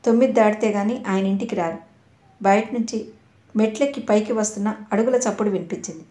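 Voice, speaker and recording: A woman narrating an audio novel in a steady, dramatic storytelling manner. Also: medium pitch, quick pace. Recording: echoey room.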